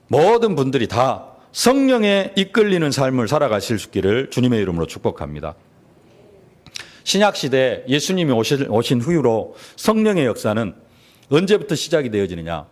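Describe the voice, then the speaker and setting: Male pastor, fairly high voice with big swings, emphatic sermon delivery. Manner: emphatic preaching with rising peaks and drops, blessing formulas, rhetorical questions. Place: church sanctuary.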